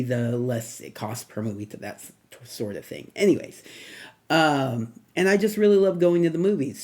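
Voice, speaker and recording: Rambling man with a mellow voice. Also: mid-range voice. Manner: rambling, many fillers and restarts. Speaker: movie reviewer. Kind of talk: casual spoken movie review.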